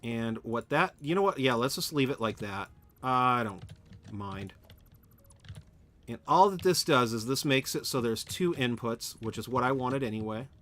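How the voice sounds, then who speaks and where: Expressive and a bit bright, this man's mid-range voice moves at a moderate pace as he live-streams a factory-building game. He rambles casually while building and keeps up a chat with viewers.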